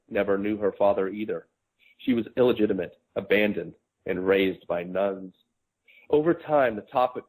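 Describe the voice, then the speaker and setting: A man in his forties with a low voice reads his memoir aloud. He takes it slowly and quietly, in a reflective tone that sits close to plain speech. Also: rough recording. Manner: measured, quiet, reflective reading. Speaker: author.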